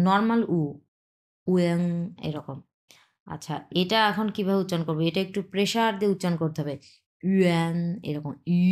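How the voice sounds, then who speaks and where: A woman teaching a pronunciation lesson, repeating sounds slowly and checking in with her students. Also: on the low side, darkish tone. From Bangladesh. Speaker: language teacher.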